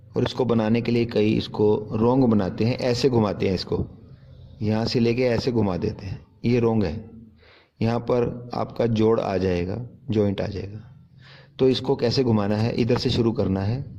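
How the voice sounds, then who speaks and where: A man teaching handwriting with slow, deliberate explanations. His voice sits low and dark. The recording is dull and lo-fi, and he calmly repeats each correction. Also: vocal fry, a little hiss or hum. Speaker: Punjabi writing teacher. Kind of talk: step-by-step handwriting lesson.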